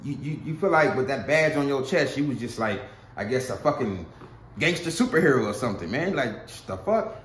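A man's voice: medium pitch, animated, a little fast, echoey room, a little hiss or hum. A young man vlogging in casual street slang, tagging "man" onto nearly every phrase. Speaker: YouTuber. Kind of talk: vlog intro and recording a confrontation.

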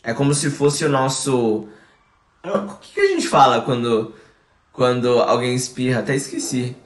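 A Brazilian man hosting a live online English class, explaining in Portuguese and slowly modeling English phrases while answering the chat. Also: medium pitch, big pitch swings, roomy sound. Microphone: desk microphone.

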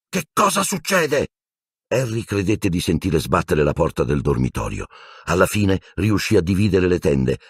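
Man, audiobook narrator, very deep, husky, expressive. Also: dry recording, clean studio sound. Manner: expressive storytelling, voicing every character.

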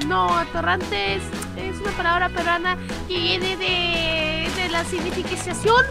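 A woman's voice: extremely high pitch, flat delivery, measured pace, gravelly, over loud music. A woman chatting playfully in a Minecraft gaming role-play.

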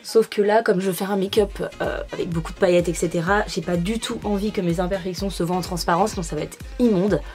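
A woman's voice: on the low side, fairly even intonation, fast, hardly any pauses, a little mellow, faint music behind. A young adult woman talking casually through a makeup tutorial as a beauty vlogger, with frequent fillers. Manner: chatty, many fillers.

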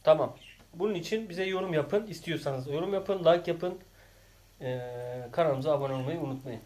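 A man's voice: fairly high pitch, moderate pace, darkish tone. A man, a father hosting a casual family vlog, teasing playfully and calling out game scores with bursts of laughter. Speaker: father and channel host.

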